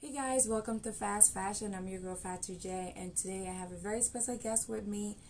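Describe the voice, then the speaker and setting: A woman's voice: mid-range voice, fairly quick, darkish tone, a little hiss or hum. A woman hosting a talk show, asking questions in a chatty, curious way and laughing easily. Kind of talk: casual interview chat.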